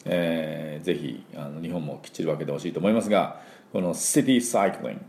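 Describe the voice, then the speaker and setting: A middle-aged man giving a chatty spoken pronunciation lesson, full of fillers and slow demonstrations of sounds. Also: extremely low pitch, darkish tone, roomy sound, slight background noise. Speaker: English pronunciation teacher.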